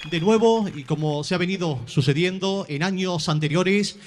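A man's voice: sits high, moderate pace, some chatter behind, a little hiss or hum. A man announcing formally as master of ceremonies, in a grand, declamatory manner. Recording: long reverberant PA-like echo.

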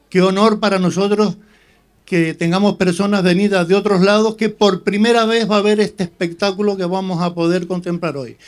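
A man speaking as mayor, giving a ceremonial speech at a public festive event. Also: high voice.

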